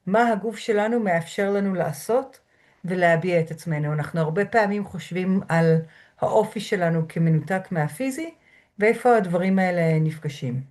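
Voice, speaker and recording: A woman lecturer speaking from home through a computer mic, guiding listeners through a grounding exercise in a slow, measured way with soft pauses. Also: lowish voice. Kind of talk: calm guided lecture. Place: home room.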